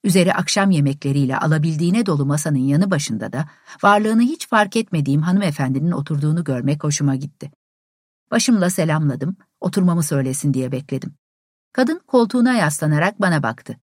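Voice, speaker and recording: Low-voiced woman reading an audiobook. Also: expressive, a little fast, a little mellow, no echo, clean studio sound. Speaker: audiobook narrator. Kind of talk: scripted audiobook narration.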